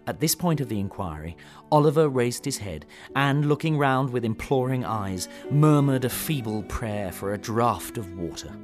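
A man narrating a classic novel in an expressive, dramatic way. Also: medium pitch, normal speed. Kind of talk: storybook narration. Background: faint violin music.

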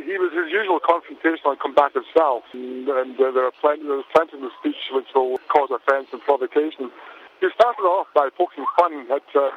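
A male correspondent giving a news report by mobile phone, speaking haltingly with frequent fillers and restarts, heard over a tinny phone line. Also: medium pitch, slight background noise.

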